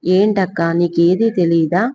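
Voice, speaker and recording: A woman's voice: lowish voice, steady tone, a little slow, highs cut off, slight background noise, lightly acted. A woman voicing a bubbly, proud teenage girl in an audio story, tossing in English phrases. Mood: giddy.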